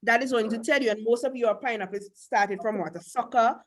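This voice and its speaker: A woman's voice: fairly high pitch, brisk. A woman with a Caribbean accent teaching a live class as instructor, blunt and emphatic, often firing questions. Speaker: agriculture instructor.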